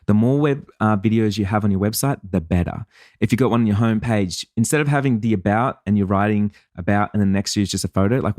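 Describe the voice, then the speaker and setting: Male podcast host and coach, lowish voice, dry close sound, blunt and emphatic, swears casually. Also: a little mellow, no room sound. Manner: acts out listeners' and clients' voices. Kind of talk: solo podcast monologue.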